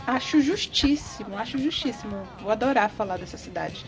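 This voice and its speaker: A woman's voice: on the high side, lively intonation, fairly quick. A woman with a Bahian Brazilian accent co-hosting a podcast in a casual, conversational style. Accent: Bahian Brazilian Portuguese. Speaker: podcast co-host. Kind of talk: casual chatty podcast presenting. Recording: loud background music under the voice. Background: background music.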